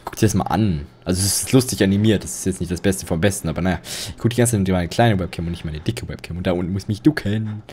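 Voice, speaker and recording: A man's voice: low voice, rapid-fire, darkish tone, a little hiss or hum. A young man commentating a horror game, jittery and rambling, joking and yelping when startled. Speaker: let's play commentator.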